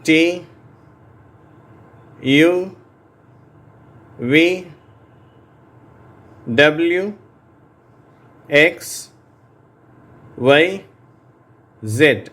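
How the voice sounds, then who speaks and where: Patient man teaching phonics slowly. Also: fairly high pitch, animated, fairly bright tone. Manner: patient, spells out sounds letter by letter and asks learners to repeat. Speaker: English reading teacher. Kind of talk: slow phonics lesson for adult learners.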